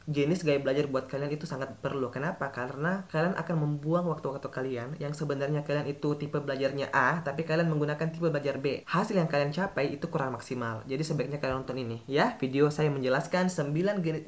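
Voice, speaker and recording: A man's voice: fairly high pitch, fast talker. A man talks viewers through study tips as an English tutor. His delivery is casual and chatty, and he often stops to correct himself mid-sentence. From Makassar, Indonesia. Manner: chatty, addresses viewers directly, frequent self-corrections. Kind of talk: casual teaching vlog.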